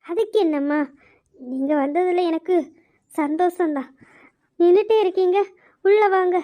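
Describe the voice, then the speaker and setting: A doting old grandmother, played by a woman, with a high, light voice. She is affectionate and shy, and she gently scolds the grandchildren in a web drama. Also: measured pace. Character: fond, teary old grandmother. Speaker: grandmother character.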